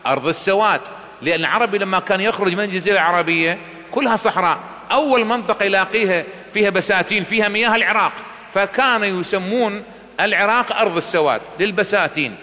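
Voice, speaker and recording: A man preaching a sermon, telling a story with passion and chanting poetry loudly and slowly. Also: high voice. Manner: impassioned storytelling, recites poetry in a loud slow chant. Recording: long hall reverb.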